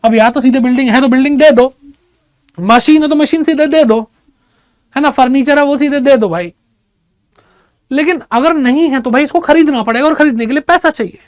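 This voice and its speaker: A man teaching an energetic class. He asks his students questions, answers them himself, and calls them "beta". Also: very high-pitched, a little fast, pauses often, no echo, studio quality. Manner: chatty, mixes in English terms.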